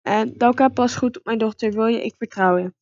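A woman voicing the heroine's worried, loving father in a horse-riding game, with a soft, earnest manner. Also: on the high side, fairly quick, muffled recording, natural voice. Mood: tender.

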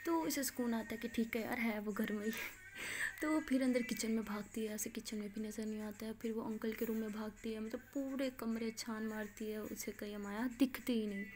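A woman telling a story aloud in a loose, conversational way. Her voice sits a bit high, and she talks as if chatting with a friend. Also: fairly even intonation, moderate pace, slight background noise. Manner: chatty, filler-laden retelling. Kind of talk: casual spoken storytelling.

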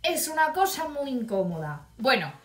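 A woman's voice: high-pitched, sing-song, moderate pace, fairly bright tone, roomy sound. A woman, telling a storytime vlog tale in a blunt, wry and profane way. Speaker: vlogger.

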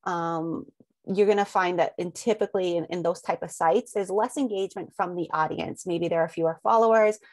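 A woman whose voice is on the low side speaks at normal speed with fairly even intonation in a dry recording. She's walking through slides in a webinar, asking rhetorical question after rhetorical question with frequent ums, slightly sniffly from allergies.

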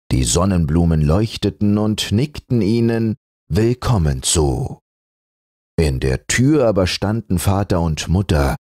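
A man narrating a fairy tale as a gentle bedtime audiobook reader. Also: low-pitched, no room sound, studio quality. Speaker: storyteller.

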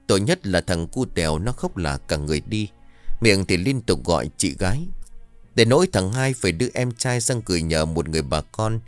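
A man reading a scripted ghost story aloud in a dramatic, expressive way. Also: sits low, dry recording.

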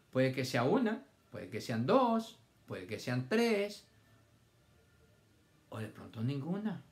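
A man's voice: medium pitch, a bit bright. A man teaching a children's reading lesson, patiently stretching out words syllable by syllable. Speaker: primary school teacher. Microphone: camera on a stand.

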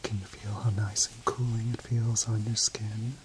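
A middle-aged man in a whispered role-play as a gentle, reassuring chemist, speaking in a soft, soothing spa whisper. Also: on the low side, level tone, normal speed, noisy background. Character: gentle, reassuring male chemist tending to a client. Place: indoor studio set.

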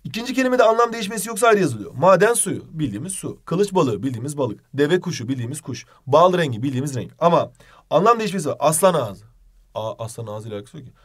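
A man with a slightly high voice runs an exam-prep grammar lesson. He talks straight to his students and rattles off examples in quick lists. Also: big pitch swings, a bit bright, slightly rough. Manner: direct, addresses students informally. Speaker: teacher.

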